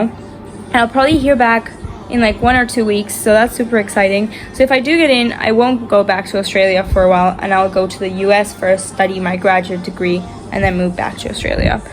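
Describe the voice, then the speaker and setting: Over background music on a rough recording, an Argentine vlogger in her twenties talks briskly and tiredly, rambling through casual chat. Her mid-range voice has fairly even intonation, and she speaks with an Argentine Spanish accent, Spanish being her first language.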